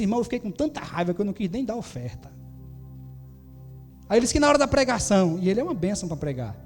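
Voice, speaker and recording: A man preaching a sermon, telling a story with animated shifts as he voices the people in it. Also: high voice, big-room sound. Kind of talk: Pentecostal-style sermon.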